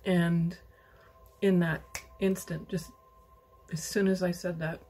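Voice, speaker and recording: A middle-aged woman from western Canada telling her personal story in a slow, halting, emotional way, with many pauses and restarts. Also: on the low side, little pitch movement, warm tone, a little hiss or hum. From British Columbia, Canada. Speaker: interviewee. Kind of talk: personal testimony.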